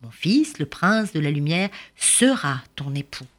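A woman's voice: low voice, very animated, full character voice. A woman doing a solemn old spirit father. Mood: commanding. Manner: slow, solemn, commanding.

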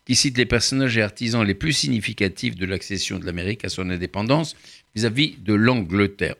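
A man hosting a radio interview, introducing his guest in a measured, ceremonious way. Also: fairly low pitch, gravelly, fairly bright tone. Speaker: radio host.

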